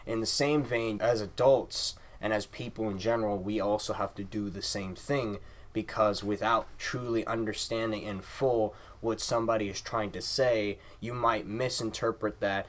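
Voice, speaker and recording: A man with a fairly low voice delivers an explanatory lesson. His phrasing is formal and measured, and he circles back to restate each point before moving on. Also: a bit bright. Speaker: teacher.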